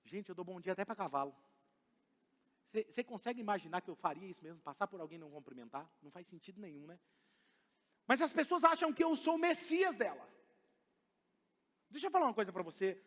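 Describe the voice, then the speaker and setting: A pastor in his thirties preaching a conversational, animated sermon in a church, moving between loud emphatic lines and quiet asides. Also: high-pitched, fast. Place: church sanctuary. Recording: church hall reverb.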